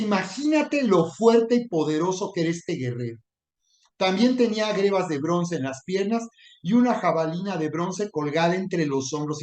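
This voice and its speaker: A man's voice: high voice, a little mellow. A man preaching a sermon, reading scripture and speaking emphatically straight to the listener. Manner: emphatic, addresses listener directly. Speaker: preacher and coach. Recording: roomy echo.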